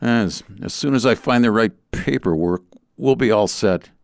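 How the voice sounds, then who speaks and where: A man's voice: on the low side, normal speed, vocal fry, dry recording, clean studio sound. A man putting on a laid-back Southern recruiter. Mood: easygoing. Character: easygoing overweight male Air Force recruiter.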